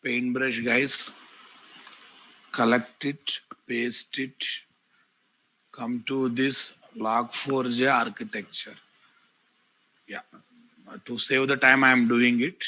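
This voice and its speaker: A man with a Telugu Indian English accent teaching a live online software class, repeating phrases and addressing his students directly. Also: mid-range voice, level tone, takes it slowly, long pauses, rough recording. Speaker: programming teacher.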